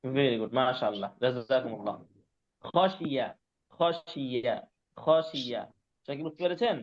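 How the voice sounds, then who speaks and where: A man teaching Quran reading in an online class, patiently spelling out syllables slowly and repeating each word. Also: mid-range voice, lively intonation, dull audio. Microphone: online class call mic.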